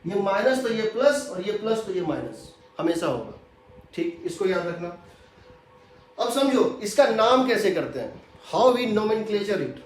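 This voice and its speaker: A male physics teacher lectures, repeating each key point so it sticks. His voice sits high. The classroom is strongly echoey. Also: big pitch swings, normal speed. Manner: explains step by step, repeats key points, mixes Hindi with English terms. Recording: very echoey room.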